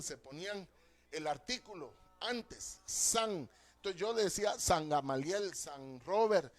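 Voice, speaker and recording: A man preaching a fervent sermon as pastor, often calling listeners brother, with a Guatemalan Spanish accent. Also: sits high.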